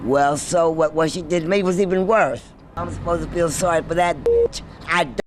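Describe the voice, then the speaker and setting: A man's voice: fairly high pitch, steady tone, moderate pace. A man being interviewed, talking in a blunt, indignant and unapologetic way. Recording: faint background noise.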